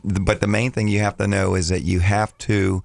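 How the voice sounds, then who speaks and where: A man with a scratchy, slightly hoarse voice talks casually as a financial coach on a radio show, rambling and restarting his phrases. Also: fairly low pitch, level tone, moderate pace, a little mellow, dry recording.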